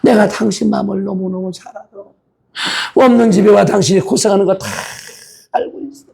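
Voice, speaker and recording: Tender husband comforting his wife, voiced by a male pastor, husky and gentle. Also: high-pitched, steady tone, fairly quick, exaggerated voice.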